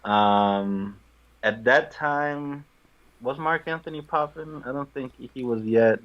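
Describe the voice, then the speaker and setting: In a slow, mid-range voice, a young Guatemalan musician talks through a casual video-call interview as a guest. He stays relaxed, laughs frequently and makes fun of himself. The sound is dull.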